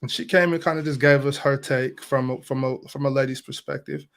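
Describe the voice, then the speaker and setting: Guy hosting a podcast, lots of ums and restarts, average-pitched voice. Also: fairly even intonation, brisk, creaky, fairly bright tone. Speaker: podcast host. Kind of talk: casual interview hosting.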